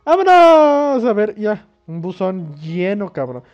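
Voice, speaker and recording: A man's voice: fairly high pitch, normal speed. A young Mexican man playing a video game, reading its dialogue aloud and cracking crude jokes with lots of swearing. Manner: crude, joking, swears a lot. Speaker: gaming YouTuber. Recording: dull lo-fi mic with faint game music.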